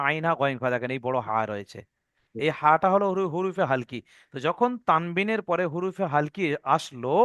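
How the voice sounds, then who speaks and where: A man's voice: fairly high pitch, fairly bright tone, smooth, dry recording. A man teaching Quran recitation rules in an online lesson, patiently repeating each rule and checking that his students follow.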